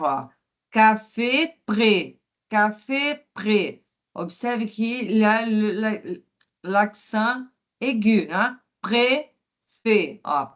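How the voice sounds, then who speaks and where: Slow-drilling woman teaching French. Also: mid-range voice. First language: Portuguese. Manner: repeats words slowly for pronunciation drills; switches between French and Portuguese explanations. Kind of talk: online language lesson.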